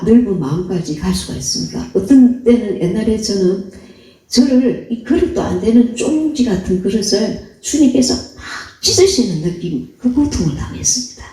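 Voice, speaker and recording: A woman's voice: medium pitch, lively intonation, normal speed, warm tone, far from the mic. Echoey woman preacher giving a sermon. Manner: earnest, exhorting, acts out quoted voices. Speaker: missionary preacher. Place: church. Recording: echoey hall, voice off-mic.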